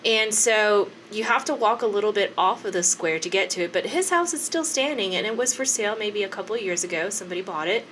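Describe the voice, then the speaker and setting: A woman's voice: medium pitch, fast, few pauses, a bit bright, slight background noise. A woman in her thirties co-hosting a podcast in casual chat, chatty with frequent laughs and fillers. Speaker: podcast co-host.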